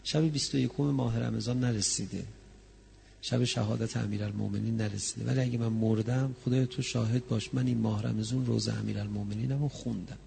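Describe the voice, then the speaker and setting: A man preaching a religious sermon that rises into a chanted mourning lament, moving from soft, close talk to high, loud wailing. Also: fairly even intonation, creaky, a little hiss or hum. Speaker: preacher reciting a mourning recitation.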